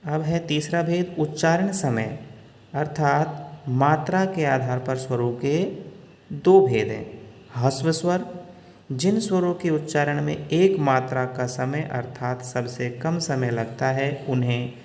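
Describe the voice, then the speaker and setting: Slow, deliberate male grammar teacher, echoey room. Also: fairly high pitch, darkish tone. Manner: slow, deliberate, drawing out example sounds. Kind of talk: slow classroom-style grammar lesson. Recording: echoey room with long reverb.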